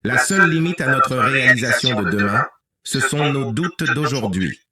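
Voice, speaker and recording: A man's voice: medium pitch, lively intonation, normal speed, pushed and bright. A man's AI-generated voice reading a quotation aloud in an emphatic, declaiming way. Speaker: AI-generated sample voice. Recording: synthetic voice played back.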